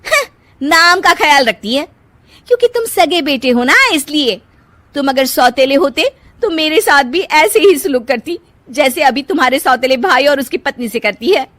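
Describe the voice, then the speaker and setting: A woman voicing a spiteful young sister-in-law who talks in a loud, whining, bossy way, for a cartoon. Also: high-pitched, lively intonation, moderate pace, pitched above the performer's own voice.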